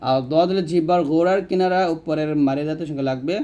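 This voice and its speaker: Explaining one sound at a time, this Quran recitation teacher fills the gaps between explanations with slowly drawn-out demonstration syllables. His patient voice has a mellow, dark tone and sits slightly high for a man.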